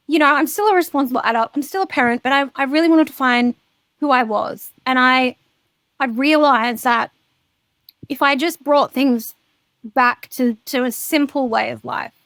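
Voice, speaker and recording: A woman in her thirties, a podcast guest, chatting casually and telling animated stories with plenty of swearing. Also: sits high, normal speed, no echo. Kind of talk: casual chat.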